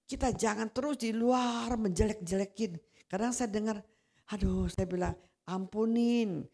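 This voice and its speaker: A woman preaching a sermon, telling a personal testimony in a conversational way that grows animated when she retells quarrels. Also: mid-range voice, a little slow.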